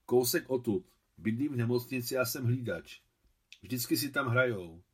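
A man reading an audiobook, voicing a humble, kindly old male hospital watchman who speaks gently and plainly. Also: medium pitch, husky, lightly acted.

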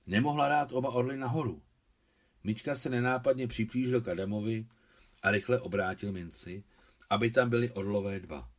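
A man with a low voice reads a novel aloud in a calm, measured way. His delivery is unhurried and even, as in an audiobook. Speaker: translator reading his translation. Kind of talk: audiobook narration.

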